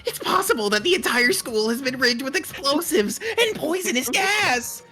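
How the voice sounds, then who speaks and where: A taunting robot bear villain, as a woman puts it on for a fan dub. The voice sits somewhat high and leaps around as it teases, with faint music underneath. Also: expressive, moderate pace, sharp tone. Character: scheming robot bear captor, mocking. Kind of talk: casual fan dub reading.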